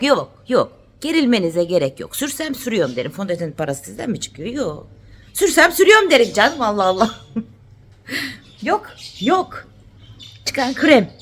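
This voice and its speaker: A woman's voice: sing-song, normal speed, slight background noise. A woman from Turkey in her thirties, chatting casually to her viewers while she cooks in her kitchen at home. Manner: chatty, talks to her dog in a high teasing voice. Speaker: vlogger. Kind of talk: casual home vlog chat.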